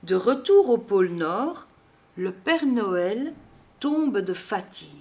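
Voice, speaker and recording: A woman reading a children's Christmas storybook aloud in an expressive, measured way. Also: medium pitch.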